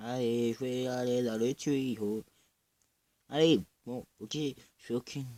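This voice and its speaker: Excitable man with a southern French accent. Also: mid-range voice, takes it slowly, no room sound. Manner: excitable, loud exclamations and swearing. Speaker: gamer. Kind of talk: casual gaming commentary.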